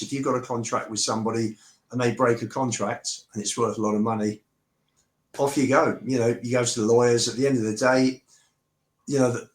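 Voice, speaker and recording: A man giving his opinions casually in conversation about football. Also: medium pitch. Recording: roomy, echoey sound.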